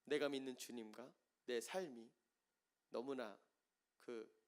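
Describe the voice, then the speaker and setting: A man preaching a sermon as pastor, moving from soft explaining to loud impassioned pleading. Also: mid-range voice, fairly even intonation, slow pace.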